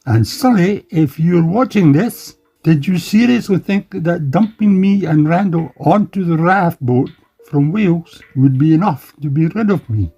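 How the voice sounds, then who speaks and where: A man's voice: fairly high pitch, animated, measured pace, dark tone, slightly rough, full character voice. A man voicing a scheming posh impostor villain in a fan-made cartoon, speaking in a gloating, taunting way.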